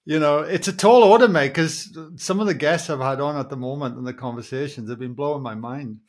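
A Welsh man in his forties, with a voice on the high side and a fairly quick pace, hosts a podcast from a small room. He chats in a friendly, rambling way over a video call, saying "mate" a lot, and his sound comes through an earphone headset.

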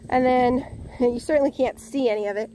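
Her voice sits high with a dark tone and fairly even intonation, moving a little fast over slight background noise. The speaker, a home gardening vlogger from Northwest Illinois, cheerfully tours her vegetable garden outdoors while walking, slightly breathless, thankful and chatty with many restarts.

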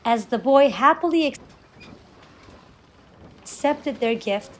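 A woman's voice: high-pitched, poor audio. A woman volunteer reading a children's picture book aloud with expression. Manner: expressive, slow read-aloud.

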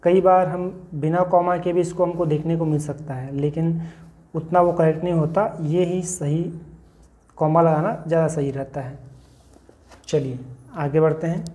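A man's voice: a little high, steady tone, unhurried, mellow. An Indian man teaching an online grammar lesson, explaining patiently with lots of examples. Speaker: English teacher. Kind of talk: classroom-style video lesson.

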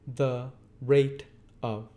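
A male reader voices a stern middle-aged lawyer, a storybook know-it-all who presses every question as in a cross-examination, clipped and emphatic. The character sits well above the reader's own voice, loud and insistent over a mellow, darker tone, here at medium pitch with fairly even intonation, extremely slow and pushed up. The mood is interrogating.

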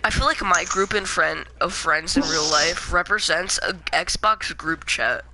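A podcast host chatting casually with friends, teasing and laughing often. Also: female voice, lowish voice, a little slow. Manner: giggly, teasing, breaks into laughter. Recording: loud background noise.

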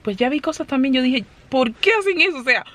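A woman's voice: high voice, animated, fairly quick, a bit bright. A talkative woman speaking straight to her vlog audience in a casual, fond way. She explains things patiently and keeps the chat flowing. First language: Spanish. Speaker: family vlogger.

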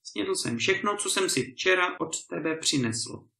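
A man's voice: high-pitched, expressive, vocal fry, pushed and bright, soft background music, voice pushed up, exaggerated voice. Šibal, a man playing a sly, polite trickster. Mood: innocent sly. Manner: innocent, mock-polite. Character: cheeky young male trickster tenant, polite and sly. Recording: echoey room.

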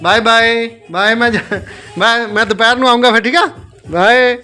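High-voiced young father coaxing his kids. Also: fairly even intonation, normal speed, sharp tone, clean tone, faint music behind. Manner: coaxing, doting talk to his children, often checking "okay?". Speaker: father and family vlogger. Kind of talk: casual family vlog narration.

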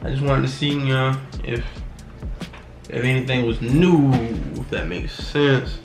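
A man's voice: medium pitch, fairly even intonation, unhurried, reverberant. A twenty-year-old man vlogging at his desk in a small wood-paneled room. He talks in a laid-back, slangy way, trails off often, and keeps saying "you know what I'm saying.". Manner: subdued and reflective, trailing off. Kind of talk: casual to-camera vlog. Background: background music.

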